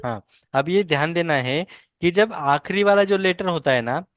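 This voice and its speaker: A woman's voice: on the low side, animated, no room sound. A woman teaching a language lesson, patiently modelling and correcting pronunciation word by word. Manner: corrects and models words slowly, repeating each.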